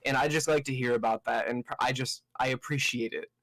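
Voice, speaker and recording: A man's voice: mid-range voice, fairly even intonation, brisk, a bit bright, no room sound. A young man, a podcast guest, talking earnestly and at length in casual chat. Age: young adult. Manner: earnest, explains at length with restarts.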